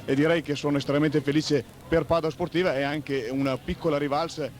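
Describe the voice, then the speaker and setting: A man, a football coach in a radio interview, speaking haltingly in formal, roundabout wording. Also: fairly high pitch, steady tone, a little hiss or hum. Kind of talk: post-match radio interview. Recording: 1980s radio recording.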